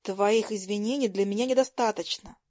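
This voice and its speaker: A woman voicing an indignant, hot-tempered teenage schoolgirl who shouts her lines sharply. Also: medium pitch, brisk, no echo, clean studio sound, close to an everyday voice. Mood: furious, indignant.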